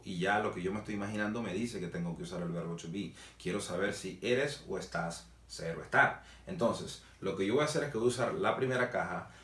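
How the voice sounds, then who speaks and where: A man teaching a video lesson in a blunt, plain-spoken way, swearing casually as he explains. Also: low voice. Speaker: English teacher. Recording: echoey room, a bit far from the mic.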